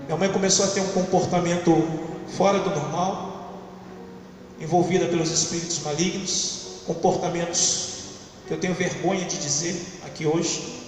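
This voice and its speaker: Guy preaching his testimony, high voice, very echoey church hall, kinda distant mic. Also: steady tone, normal speed. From São Luís, Maranhão, Brazil. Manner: dramatic storytelling with repetition. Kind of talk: testimony sermon.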